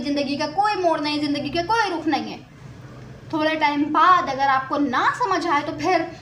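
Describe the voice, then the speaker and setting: A woman's voice: high voice, echoey room, recorded from a distance, slight background noise. A woman giving an earnest motivational talk, repeating her points and slipping English phrases into her speech. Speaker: motivational speaker.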